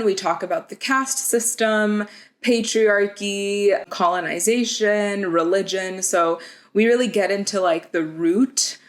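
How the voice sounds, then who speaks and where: A young woman talks to camera in a casual video essay, explaining her points conversationally. Her voice sits at a middle pitch, and she fills her sentences with "like" and "kind of".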